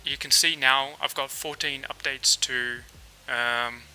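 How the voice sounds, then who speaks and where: A New Zealand-accented developer hosts a laid-back live coding stream, speaking slowly in a mid-range voice and thinking aloud with plenty of fillers. Faint music sits behind him on a low-quality recording.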